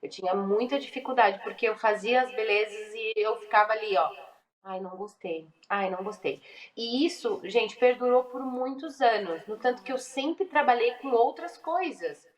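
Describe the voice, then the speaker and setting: Mulher do Sul, voz um pouco aguda. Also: female voice, on the high side, normal speed, hardly any pauses, echoey room, a little hiss or hum, rough recording. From southern Brazil. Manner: chatty, confiding, frequent tag questions. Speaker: guest makeup artist. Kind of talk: casual podcast chat.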